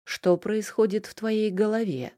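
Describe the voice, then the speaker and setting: A woman's voice: medium pitch, fairly even intonation, unhurried, dark tone, no room sound, clean studio sound, pitched above the performer's own voice, lightly acted. A woman voicing a stern, commanding husband who fires curt, demanding questions in an audiobook.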